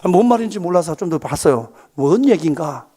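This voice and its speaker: A man preaching a sermon as a pastor, lively and questioning, often asking the congregation to answer. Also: on the high side, a little fast. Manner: animated, asks the congregation questions, acts out quotes.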